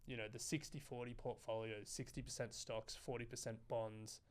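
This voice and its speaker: A man's voice: mid-range voice, steady tone, normal speed. An Australian man co-hosting a podcast, talking in a loose, chatty way with plenty of fillers. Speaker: podcast co-host. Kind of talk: casual podcast chat.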